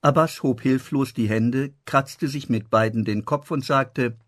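A man reading a novel aloud as narrator, with measured storytelling. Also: medium pitch, a bit bright, dry recording, clean studio sound. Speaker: audiobook narrator. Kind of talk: scripted narration.

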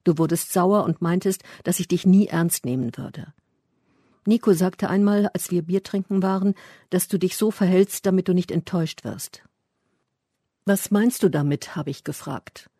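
Husky, mellow-voiced male narrator. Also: sits high, moderate pace, no room sound, clean studio sound. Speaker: audiobook narrator. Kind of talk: first-person literary narration.

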